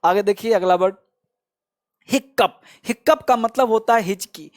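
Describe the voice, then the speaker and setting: Male teacher, high voice, repetitive drilling style, encouraging. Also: normal speed. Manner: repetitive drilling, prompting listeners to repeat after him; frequent encouraging praise. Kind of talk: spoken vocabulary lesson.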